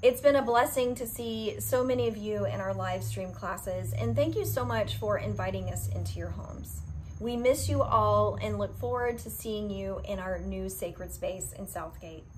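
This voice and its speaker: A woman's voice: mid-range voice, moderate pace, a little hiss or hum, low-quality recording. Earnest woman yoga teacher outdoors. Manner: warm, heartfelt, earnest. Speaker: yoga studio owner. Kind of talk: direct-to-camera update. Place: covered outdoor patio by greenery.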